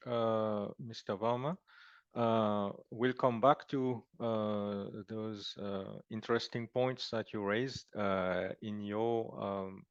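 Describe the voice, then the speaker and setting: A man's voice: lowish voice, dry recording, muffled recording. Hesitant male moderator on a video call. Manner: hesitant, with frequent filler pauses. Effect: heard over a video call. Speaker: webinar moderator. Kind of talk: formal moderating.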